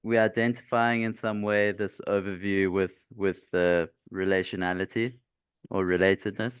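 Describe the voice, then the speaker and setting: A male host in a conversational interview, talking in a halting way as he searches for his words. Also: deep voice, fairly even intonation, clear, resonant tone, dry recording. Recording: dry, phone-like call audio.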